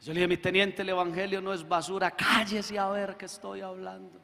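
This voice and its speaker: Gravelly high-voiced preacher. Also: male voice, level tone, brisk. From Colombia. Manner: acts out quoted dialogue, swells to shouting. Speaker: preacher giving testimony. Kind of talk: sermon testimony. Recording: echoey hall with long reverb.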